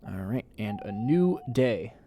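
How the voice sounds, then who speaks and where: A man's voice: lowish voice, very animated, slow, warm tone, slight background noise. A man casually commentating a story game he is playing, playful and chatty. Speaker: let's play host.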